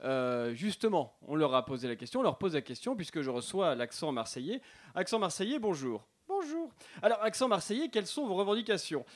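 A man's voice: on the high side, sing-song, brisk, no room sound. A man presenting a scripted comic segment as a radio columnist.

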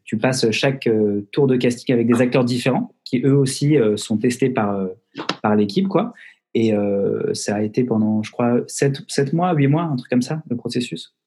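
A man's voice: mid-range voice, moderate pace, mellow, breathy edge. A man, an actor, chatting casually in an interview over a video call, joking with mock-serious tall tales. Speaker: actor guest.

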